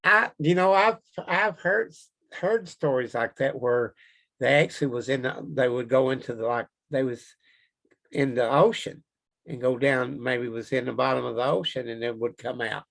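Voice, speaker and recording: Gravelly Kentucky man, rambling and folksy. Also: medium pitch, moderate pace, a bit bright. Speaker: Bigfoot researcher being interviewed. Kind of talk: casual interview chat.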